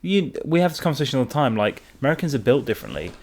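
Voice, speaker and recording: A young Englishman hosting a podcast, rambling casually with plenty of swearing and "you know" fillers. His is plain throughout. He sits at an easy middle pitch and drawls his way through each point. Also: very animated, very fast, darkish tone. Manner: loose and profane, drawling filler-heavy talk. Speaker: podcast host. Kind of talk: casual chat.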